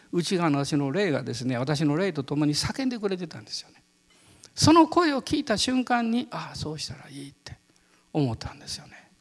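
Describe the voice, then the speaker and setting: A male pastor giving a sermon, telling a personal story in an animated way and laughing often. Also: high-pitched, big-room sound.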